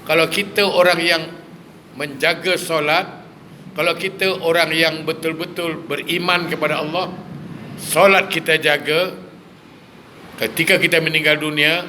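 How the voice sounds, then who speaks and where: A male preacher gives a lively sermon, firing rhetorical questions at his listeners and mixing in humor. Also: on the high side, slight background noise. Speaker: religious preacher.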